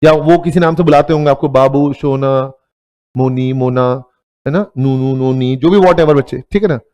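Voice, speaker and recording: A man with an Indian accent and a medium-pitched, darkish voice gives a classroom lecture on accounts at a moderate pace, mixing Hindi and English, joking with students and calling them "beta".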